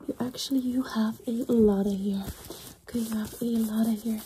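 A young woman performs an ASMR role-play in fast ASMR speaks softly. Her tone is dark and gentle, with short phrases repeated over and over. She is close to the microphone, with a faint layer of noise behind her. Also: fairly high pitch, steady tone. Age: young adult. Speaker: ASMR performer playing a scalp examiner. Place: small home studio with foam panels.

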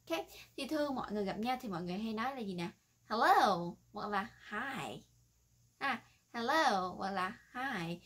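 A woman gives a relaxed video lesson for English learners. She talks in a friendly, chatty way, slows right down to repeat words for practice, and often ends her phrases with soft little tags. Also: a little high. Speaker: English teacher.

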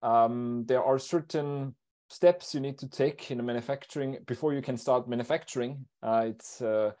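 A man presenting a technical talk at an online seminar in a steady, explanatory way, over a video call. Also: mid-range voice, moderate pace. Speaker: invited speaker.

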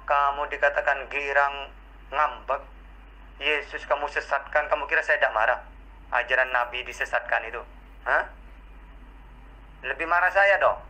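Man debater, very bright sharp voice, combative, voice-chat debate. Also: medium pitch, moderate pace, pauses often, rough recording. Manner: challenging, combative. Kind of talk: heated online voice-chat debate.

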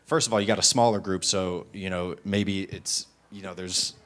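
Reporter, man, very low voice, long rambling question full of restarts. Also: steady tone, moderate pace, fairly bright tone. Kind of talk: press conference question.

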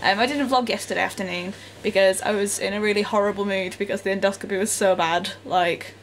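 Young woman, chatty and giggly, home vlog on a handheld camera, quiet room tone behind her. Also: medium pitch, fairly even intonation, fast, background noise. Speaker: vlogger. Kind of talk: casual vlog chat. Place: at home indoors.

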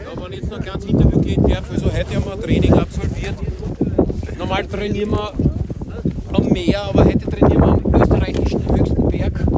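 Very high, lively man in roaring wind. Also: fairly quick, far from the mic. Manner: jokey, mock-solemn. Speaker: climber giving a joking summit interview. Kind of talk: playful mock interview. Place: outdoors on a mountain summit. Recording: very loud wind buffeting the mic.

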